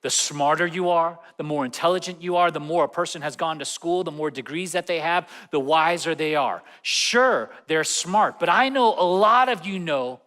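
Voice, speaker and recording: A man's voice: on the high side, normal speed, few pauses, sharp tone. A young adult man preaching a sermon as a pastor, conversational and often putting questions to the audience in a large church auditorium. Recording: echoey church hall.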